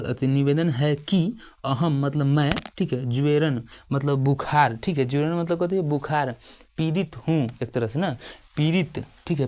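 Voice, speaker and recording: A weary man with a Bihari accent talks students through a lesson, slow and hushed. His voice is dark and mellow, and he keeps pausing to check they are following. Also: on the high side. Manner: speaks slowly and softly, keeps repeating "okay". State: tired late at night. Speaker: teacher. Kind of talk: tutorial lesson dictating a letter format.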